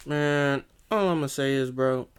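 A man's voice: mid-range voice, measured pace, clear, resonant tone. A young man in casual chat, joking in slangy frat-bro banter.

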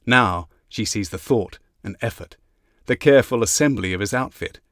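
Low-voiced man reading an audiobook. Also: normal speed, fairly bright tone, no room sound, studio quality. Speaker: audiobook narrator. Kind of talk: scripted narration.

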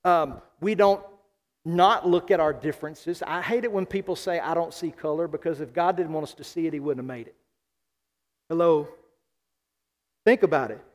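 A man's voice: a little high, normal speed, pauses often. Preaching man in a reverberant church. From South Arkansas. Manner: preaching with rising emphatic calls to the congregation. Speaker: pastor. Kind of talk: sermon. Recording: long hall reverb.

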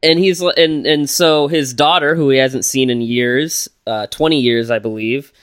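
A man's voice: mid-range voice, fairly even intonation, normal speed, fairly bright tone, clean tone, no room sound, clean studio sound. A man co-hosting a casual film podcast, rambling through plot summaries with lots of fillers, restarts and jokes. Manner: jokey, laughs while retelling plots. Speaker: podcast co-host.

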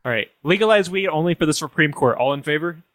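A man's voice: on the high side, animated, fast, a bit bright, dry recording. A man co-hosting a comedy podcast, bantering playfully in an improvised sketch. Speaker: podcast co-host.

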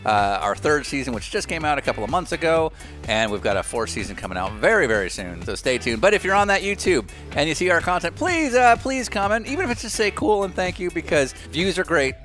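A man hosting a podcast in casual chat, wry and lively, doing sponsor plugs. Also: a little high, a little fast, soft background music. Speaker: podcast host.

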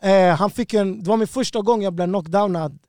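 Brief: high-voiced man, animated and slangy, dry close sound. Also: no echo. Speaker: guest fighter. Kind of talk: casual storytelling.

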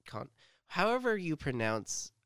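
A man's voice: a little high, sing-song, a little slow, fairly bright tone, clear, resonant tone, dry recording, clean studio sound. A man chatting casually as a podcast co-host, rambling with lots of fillers and joking asides. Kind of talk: casual fan discussion.

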